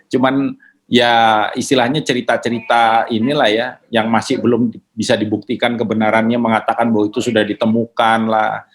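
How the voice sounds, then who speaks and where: Man, relaxed teaching talk, casual, mixes English phrases, mid-pitched voice. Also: normal speed. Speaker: pastor answering questions. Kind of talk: conversational teaching.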